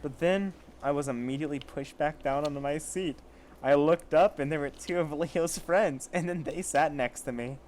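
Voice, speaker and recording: With slight background noise behind him, a man with a slightly high, darkish voice reads an amateur story at normal speed. He keeps it casual, adding sarcastic and profane remarks.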